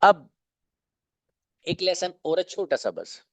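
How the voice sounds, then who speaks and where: A man teaching English grammar in an online class, patiently explaining and repeating example sentences slowly. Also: high voice, very animated, a bit bright, no echo. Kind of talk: online grammar lesson in Hindi.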